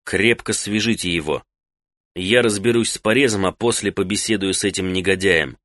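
Male narrator doing an old mage interrogator, low, calm, commanding, dry close mic. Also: dry recording. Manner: measured, quietly commanding. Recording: dry close studio sound.

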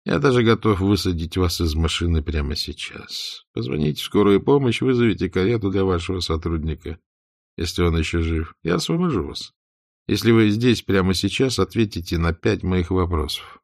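A cunning, hard-nosed secret agent in an audiobook, voiced by the male narrator. His voice is low and dark, and he gives his orders in short, clipped lines. The recording is close and dry. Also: expressive, normal speed, creaky, no echo, full character voice. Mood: calm, quiet. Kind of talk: audiobook character voice.

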